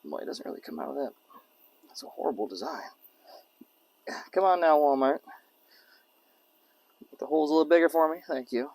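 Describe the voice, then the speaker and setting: A man's voice: a little high, very animated, a little fast, creaky, long pauses, darkish tone, dry recording, rough recording. A man vlogging from an outdoor campsite, rambling casually to camera and his dog as he cooks. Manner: rambling, talks to his dog and jokes to himself. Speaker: camping vlogger. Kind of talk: casual talk to camera while cooking.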